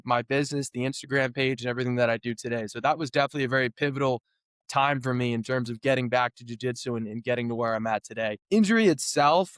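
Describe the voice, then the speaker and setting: A thirty-year-old man from New England, a physical therapist telling his story as a guest, relaxed and full of fillers and restarts. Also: mid-range voice, no room sound, studio quality. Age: 30s. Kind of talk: casual interview talk.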